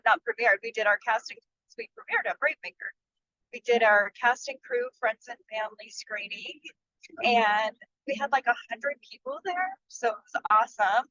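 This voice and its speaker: A woman's voice: fairly high pitch, sharp tone, no echo. A woman filmmaker chatting on a video call over her car speakerphone while driving on the freeway, chatty and rambling. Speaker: filmmaker and producer. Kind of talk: casual video-call chat. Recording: dull lo-fi speakerphone line from a moving car.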